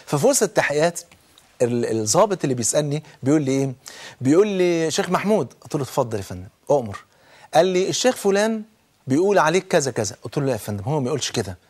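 Middle-aged Egyptian male preacher, rapid-fire and fervent, pitched a little high. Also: animated. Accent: Egyptian Arabic. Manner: fervent, storytelling, dips low and soft for quotes. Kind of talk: sermon.

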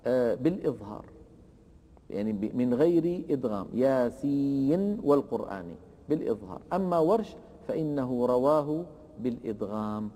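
A man teaching Quran recitation rules, explaining slowly and deliberately and chanting the verse examples in a drawn-out way. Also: medium pitch, mellow, long reverb tail. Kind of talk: tajweed lesson with recited examples.

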